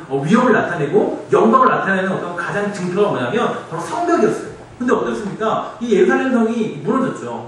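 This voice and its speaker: A man preaching a sermon in earnest, lively style, asking the congregation many rhetorical questions. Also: very high voice. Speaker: pastor. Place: church sanctuary. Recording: echoey hall, distant mic, faint noise.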